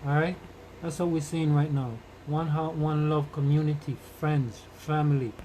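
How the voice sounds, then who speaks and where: A man's voice: on the high side, fairly even intonation, normal speed, mellow. A man hosting a casual live podcast in Rasta-style speech, greeting his community with blessings and repeating phrases for emphasis. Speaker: podcast host. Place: moving around while live streaming, away from the mic. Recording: noisy, distant live-stream sound.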